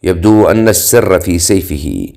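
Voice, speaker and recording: Ilaria, a gentle immortal woman, read by a man. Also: low voice, lively intonation, normal speed, vocal fry.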